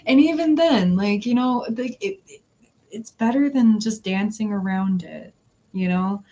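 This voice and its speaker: The audio is dull as a woman with a slightly high, mellow voice slowly chats with her tarot livestream viewers. She reads tarot and hosts in a rambling, casual way, laughing often and using filler words and restarts.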